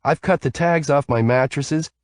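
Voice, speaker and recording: A man's voice: fairly high pitch, normal speed, no echo, clean studio sound, voice pushed up, natural voice. A man doing a giggly, sleepy young woman. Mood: playful. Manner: giggly, rambling, playful.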